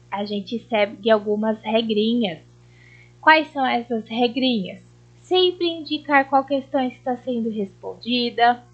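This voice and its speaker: A Brazilian woman teaching young children a remote lesson, explaining slowly and patiently with lots of tag questions. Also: on the high side. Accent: Brazilian Portuguese. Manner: slow, patient, sing-song explaining with frequent tag questions. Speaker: primary school teacher. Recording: slightly dull lo-fi audio.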